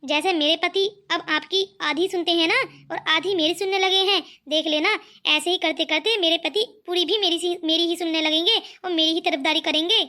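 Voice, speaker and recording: A woman's voice: very high voice, steady tone, brisk, few pauses, sharp tone. A woman voicing a sly, clever young married woman who makes mocking asides.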